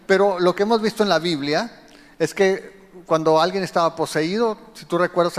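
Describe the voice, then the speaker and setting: A man's voice: a little high, long reverb tail. A man preaching a sermon, explaining scripture and speaking directly to his listeners. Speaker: pastor.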